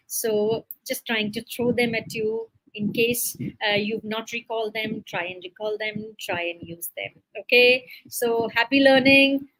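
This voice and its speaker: A woman's voice: a little high, a bit bright, dry recording, rough recording. A woman teaching English vocabulary on a live stream, reading a short story aloud and then quizzing her learners in a chatty way with fillers.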